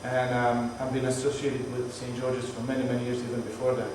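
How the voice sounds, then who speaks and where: A man's voice: mid-range voice, completely flat delivery, a little fast. A tour guide, chatting patiently to his group on a moving bus. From Palestinian, from Jerusalem. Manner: chatty, explaining patiently with jokes. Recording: echoey distant voice, bus noise.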